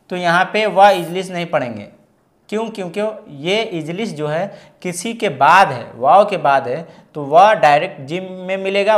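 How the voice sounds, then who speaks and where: In a high voice, a man walks through an Arabic grammar lesson one step at a time. He explains patiently, asking his own questions and answering them, and reads each example phrase slowly and with care.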